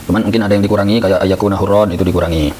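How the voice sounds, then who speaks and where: A man teaching a lively lesson on Islamic law, who acts out little scenes in raised voices. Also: deep voice, rapid-fire, slight background noise, rough recording. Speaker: Islamic boarding school teacher.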